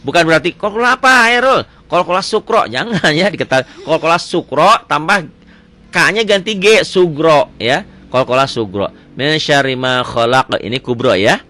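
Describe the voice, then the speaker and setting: Lively, bright-voiced male teacher quizzing. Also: a little high. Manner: quizzing with rapid repeated questions. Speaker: Quran recitation teacher. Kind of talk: one-on-one tajwid lesson.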